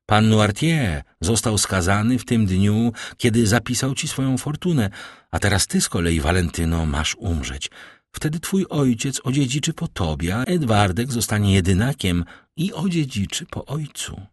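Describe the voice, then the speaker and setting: A man's voice: lowish voice, very animated, normal speed, no room sound, studio quality. A man reading aloud as a grave, fatherly nobleman, speaking in a solemn, reassuring way.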